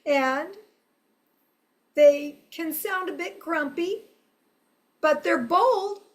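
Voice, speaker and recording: An older woman presenting a simple, friendly lesson for children in a deliberate way, with frequent pauses. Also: very high voice. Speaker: presenter teaching bird calls.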